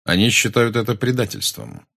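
A man reading an audiobook voices a dignified male centaur teacher who speaks calmly and unhurriedly. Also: fairly low pitch, vocal fry, breathy edge, heavily acted. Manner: calm, unhurried, measured.

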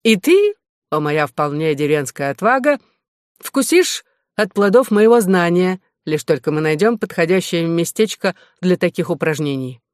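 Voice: mid-range voice, lively intonation, moderate pace, no echo, clean studio sound, natural voice. A reader voicing an affected, pompous English knight who talks in florid, mannered phrases. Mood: mocking, pompous. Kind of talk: audiobook reading.

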